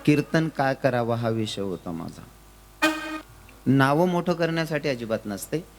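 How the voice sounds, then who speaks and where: A man's voice: mid-range voice, lively intonation, unhurried. A man preaching a devotional kirtan sermon, telling stories and putting questions to the audience. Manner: storytelling, rhetorical questions to the audience. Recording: music clearly behind.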